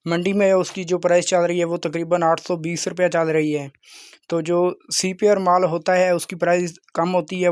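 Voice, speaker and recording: A man hosting an informal video sales pitch, insistent and repetitive like a salesman. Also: clean tone, no room sound, clean studio sound. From Pakistan. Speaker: YouTube channel host selling crockery.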